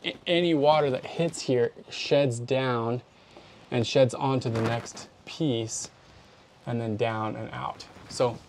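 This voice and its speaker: A man's voice: medium pitch, fairly even intonation, slow pace, a little mellow, a little hiss or hum. A man in his thirties, a building contractor, giving an upbeat, chatty step-by-step walkthrough outdoors, filmed on a phone held at arm's length. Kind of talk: on-site how-to walkthrough. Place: outdoors at a basement walkout door.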